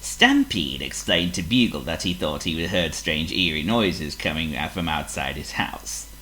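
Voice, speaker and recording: A man reading a children's story aloud as storyteller, slow and expressive. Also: a bass voice, slight background noise, poor audio.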